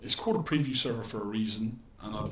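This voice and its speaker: A man's voice: lowish voice, fast, fairly bright tone, distant mic. A man streaming a game live, chatty and thinking aloud, heard through a webcam mic that makes him sound as if he is in an echoing tunnel. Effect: echoing, tunnel-like sound from a built-in webcam mic. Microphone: built-in webcam microphone. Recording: echoey, tunnel-like room sound with faint ambient noise.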